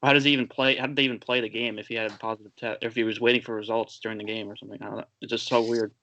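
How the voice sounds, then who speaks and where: A man chatting casually as a podcast guest, relaxed and hesitant, often trailing off mid-thought. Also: fairly low pitch, very fast, slight background noise, poor audio. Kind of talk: casual chat.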